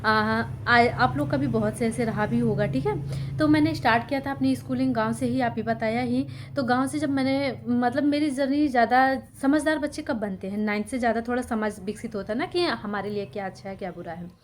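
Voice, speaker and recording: Speaking fairly quickly in a slightly high voice, the young Sultanpur teacher and YouTuber shares her life story conversationally, pausing often to check in with her viewers. There is slight background noise.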